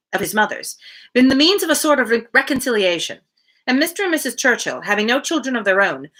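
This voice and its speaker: Here a woman with a bright, forceful, medium-pitched voice reads from a classic novel during her daily live reading session. Occasionally she drops the text and chats casually as host.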